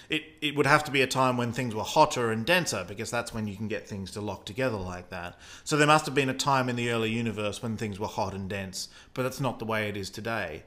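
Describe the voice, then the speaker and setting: A man's voice: medium pitch, sharp tone. A man from Australia with an Australian accent, co-hosting a casual science chat and explaining physics while thinking aloud. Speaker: co-host.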